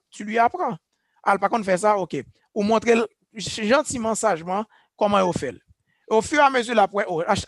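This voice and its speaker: Man, church leader, earnest testimony, high voice, dry sound. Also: no echo. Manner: earnest, reflective, personal testimony. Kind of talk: speaking on leadership. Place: church gathering.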